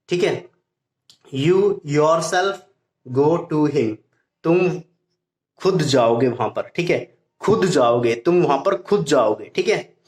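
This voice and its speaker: A man teaching English grammar in Hindi. He explains step by step, repeats each point and reads English examples slowly. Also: medium pitch. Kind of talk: Hindi-language grammar lesson. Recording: echoey room.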